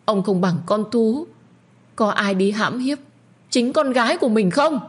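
A shrill, frantic young servant woman in an audio story, pitched well above her everyday voice and thrown out loud and hard, as a husky-voiced woman narrator acts her out. She is defiant and screams her accusations with raw force. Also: animated, a little slow. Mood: accusing.

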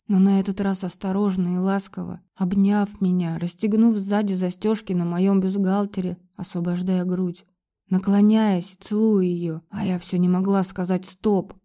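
A woman's voice: medium pitch, mellow. A woman narrating a first-person romance audiobook with an emotional, dramatic delivery.

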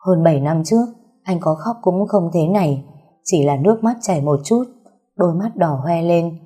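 A woman narrating a first-person romance story in a soft, measured reading. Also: fairly low pitch, animated, slightly rough. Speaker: audiobook narrator. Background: faint background music.

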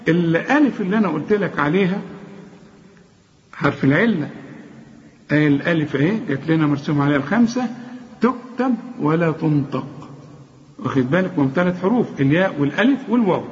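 A man's voice: a little high, expressive, fast, pauses often, big-room sound, highs cut off. An Egyptian man teaching Quran recitation, correcting mistakes and chanting each example. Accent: Egyptian Arabic. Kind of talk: tajweed lesson.

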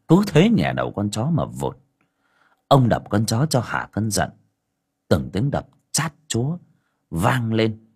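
Low, husky male storyteller. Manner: expressive, dramatic. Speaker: audiobook narrator. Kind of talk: storytelling narration.

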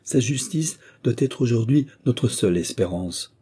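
A man reading the lines of a frail, pious elderly father in an audiobook, speaking gravely and gently. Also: medium pitch, lively intonation, measured pace. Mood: weak, consoling.

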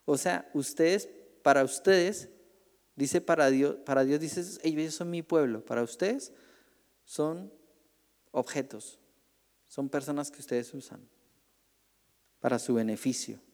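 A man's voice: medium pitch, takes it slowly, long pauses, darkish tone, big-room sound. A male pastor teaching a Bible class in a conversational way, asking the group questions and acting out the voices he quotes.

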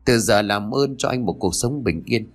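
A man's voice: lowish voice, lively intonation, normal speed. A man reading as a stern, protective young boyfriend.

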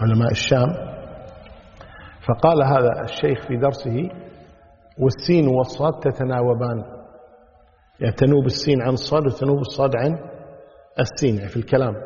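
A man's voice: mid-range voice, mellow. A middle-aged man teaching a religious lesson, telling stories in a colloquial way and checking that listeners follow. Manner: storytelling with colloquial asides, checks understanding. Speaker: religious teacher explaining a creed text. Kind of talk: recorded lecture, teaching a class. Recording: dull lo-fi lecture recording in a reverberant hall.

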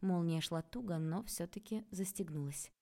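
Mellow, low-voiced woman narrating. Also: normal speed. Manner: calm, even storytelling. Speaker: audiobook narrator. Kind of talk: scripted narration.

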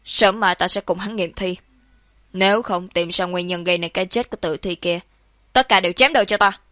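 A woman's voice: medium pitch, fairly even intonation, a little fast, a bit bright, no echo, studio quality, lightly acted. A woman voicing a stern young noble investigator in an audiobook, giving cold orders in a raised voice. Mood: cold anger. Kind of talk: audiobook character reading.

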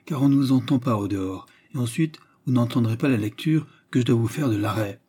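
A man's voice: medium pitch, dark tone, slightly rough, natural voice. A man voicing a grave, formal court clerk. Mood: solemn. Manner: formal, measured and solemn.

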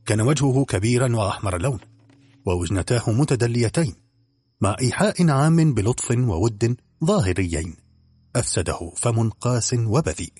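Husky, lively male audiobook narrator. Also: mid-range voice, moderate pace, no echo.

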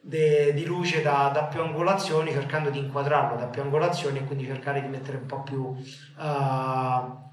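A man's voice: mid-range voice, flat delivery, normal speed. Italian man speaking in a very echoey room. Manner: hesitant, repeats and reformulates. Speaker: conference host, journal editor. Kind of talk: academic introductory speech. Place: indoor conference room. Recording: very echoey room, faint noise.

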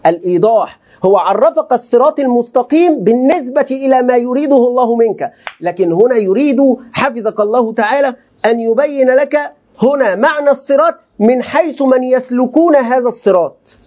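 Fast, high-voiced sheikh giving a lecture. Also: male voice, dull audio. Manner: animated, questioning students rhetorically. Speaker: sheikh teaching Quranic commentary. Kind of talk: classroom lecture.

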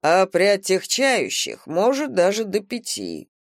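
A stern, deliberate police captain, voiced by a woman reader. He drawls his words slowly and dryly, unbothered. The recording is dry and close-miked. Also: mid-range voice, wildly swooping pitch, no room sound. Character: stern middle-aged male police captain. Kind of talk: audiobook character voice.

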